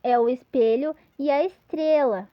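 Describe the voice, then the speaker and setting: A woman's voice: high voice, unhurried, no echo, highs cut off. A woman giving an instructional lesson, patiently explaining step by step with examples. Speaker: teacher.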